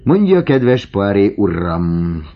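A man voicing a slow, pun-loving male museum clerk, on a dull lo-fi recording. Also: fairly low pitch, very animated, voice pushed up. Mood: jesting.

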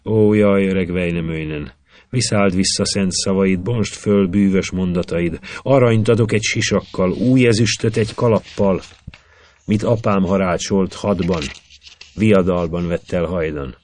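A man's voice: low-pitched, a little mellow, lightly acted. A man voicing a trapped young man who pleads and bargains in rhythmic verse. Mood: pleading.

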